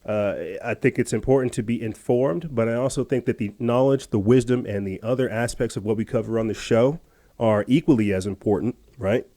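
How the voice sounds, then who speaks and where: A man's voice: medium pitch, fairly quick, dark tone. A man hosting a podcast, telling a casual story in a rambling, chatty way with lots of fillers and restarts. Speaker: podcast host.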